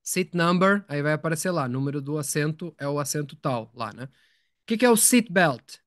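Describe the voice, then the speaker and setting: A man's voice: on the high side, expressive, moderate pace, dry recording, studio quality. A man teaching English in a live online lesson, explaining patiently, repeating words and asking his students questions.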